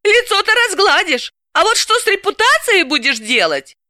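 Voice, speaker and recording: A woman's voice: extremely high pitch, big pitch swings, moderate pace, bright, forceful tone, no room sound, studio quality, pitched above the performer's own voice, heavily acted. A woman reader voicing a gleeful, mocking young female friend with a squealing manner. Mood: teasing.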